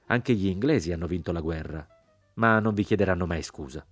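A man's voice: deep voice, a little fast, no room sound, soft background music. A man reading the lines of a polite, good-humoured American colonel in an audiobook. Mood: courteous.

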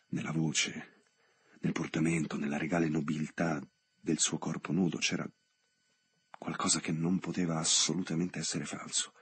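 Deep husky guy reading a novel out loud, slow and dramatic with lots of pauses. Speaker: audiobook reader. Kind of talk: scripted literary narration.

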